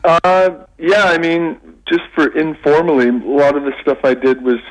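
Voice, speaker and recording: A Canadian man, middle-aged, talking as a phoned-in radio guest, halting with many restarts and fillers. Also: a little high, flat delivery, low-quality recording. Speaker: radio guest, English lecturer.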